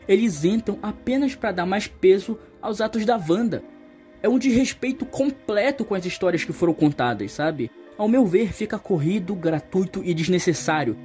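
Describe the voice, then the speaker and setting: Speaking in a high, slightly mellow voice, a young man with a Brazilian Portuguese accent shares opinionated video-essay commentary in a colloquial style. He becomes emphatic in criticism, and his voice-over runs over background music.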